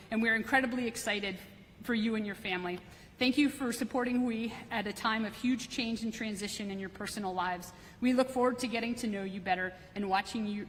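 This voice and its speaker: A woman delivering a prepared, formal podium speech as a military leader welcoming people at a ceremony. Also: a little high. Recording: reverberant hall, faint background noise.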